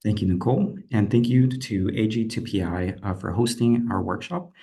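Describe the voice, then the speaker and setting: A young man with a lowish voice walks an online audience through a lecture. He explains steadily over a video call, with the odd filler. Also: moderate pace, dark tone, husky. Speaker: PhD candidate presenter. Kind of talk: presenting a lecture.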